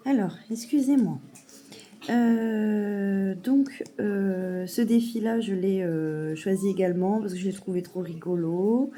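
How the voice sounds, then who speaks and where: A woman showing a parcel in a casual vlog at home, hesitant with many fillers and softly gushing. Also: mid-range voice, slow. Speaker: mother unboxing a parcel of saving challenges. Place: at home at a table.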